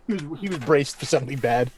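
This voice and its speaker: A man's voice: medium pitch, a little hiss or hum. Rambling man player. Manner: rambling, acts out his character's thoughts. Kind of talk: casual banter at a game table.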